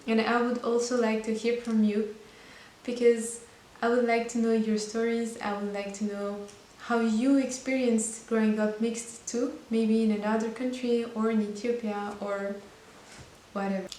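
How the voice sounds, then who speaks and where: A woman's voice: a little high, flat delivery, a little slow, a little mellow. A woman in her twenties, a native French speaker from Belgium, chatting earnestly to camera about her life. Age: 20s. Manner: earnest and chatty, with small restarts. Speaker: vlogger. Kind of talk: casual personal monologue to camera. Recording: echoey room with faint hiss.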